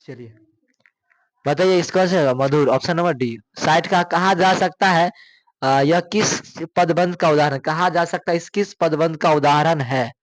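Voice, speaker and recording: A man's voice: on the high side, normal speed, dry recording. A male coaching teacher, running through exam questions, repeating each one and asking students for the answer.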